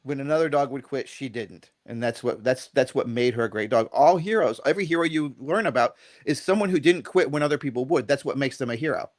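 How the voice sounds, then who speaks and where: Speaking briskly with hardly any pauses, a middle-aged man at medium pitch guests on a podcast as a dog trainer. He chats in a loose, rambling style, checks in with "right?" often, and animatedly acts out quoted bits in his anecdotes.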